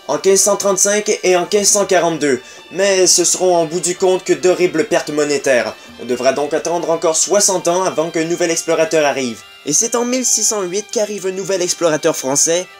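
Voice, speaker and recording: A man with a Québécois accent narrating a comic history lesson with wry, sarcastic asides. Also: fairly high pitch. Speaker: video host.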